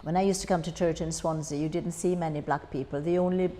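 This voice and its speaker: In this oral history interview, a former overseas student nurse in her sixties with a Jamaican accent looks back on her past, talking fast in a low, warm, steady voice. Faint noise and hall echo surround the recording.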